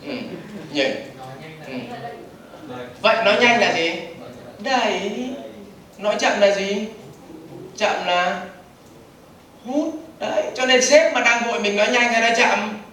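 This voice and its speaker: A man lectures a live seminar in a high, bright voice. He keeps asking the audience questions and answering them himself. He is picked up from afar in a very echoey hall with faint ambient noise. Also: measured pace, long pauses, far from the mic. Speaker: business trainer.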